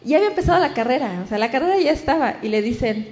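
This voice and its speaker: A woman's voice: high voice, lively intonation, racing, darkish tone, lo-fi sound. A woman with a Mexican accent preaching a sermon, telling a story and acting out the voices of the people in it.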